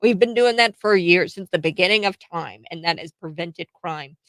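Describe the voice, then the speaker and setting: Gravelly-voiced woman hosting morning talk radio. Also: on the low side, moderate pace, a bit bright, dry recording, low-quality recording. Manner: opinionated, exclamatory, rhetorical questions. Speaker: radio morning show host. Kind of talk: live talk radio commentary and chat.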